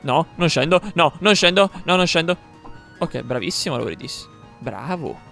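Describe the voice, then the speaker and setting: A young man commentating his own gameplay live, excitable, repeating words in quick bursts and swearing when things go wrong. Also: a little high, creaky. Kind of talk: live let's-play commentary. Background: game music.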